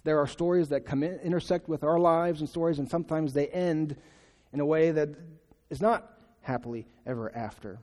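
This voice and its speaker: A man giving a sermon in a conversational, halting way, often restarting his sentences. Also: a little high, darkish tone. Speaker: pastor. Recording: long reverb of a large hall.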